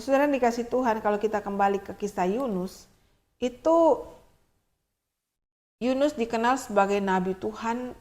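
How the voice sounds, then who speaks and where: Animated woman preaching a sermon. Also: mid-range voice. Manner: animated storytelling, often addresses listeners as brothers and sisters.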